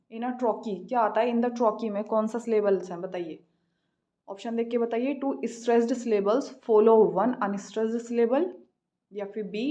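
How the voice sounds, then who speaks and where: An Indian woman tutoring an English exam, reading questions slowly and then explaining quickly. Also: on the high side, warm tone. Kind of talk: exam practice lesson, Hindi-English mix.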